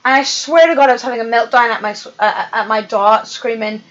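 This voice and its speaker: A woman's voice: a little high, steady tone, a little fast. A woman hosting a casual stream, telling sweary, chatty stories. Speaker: streamer host. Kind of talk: casual chat. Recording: muffled lo-fi stream audio.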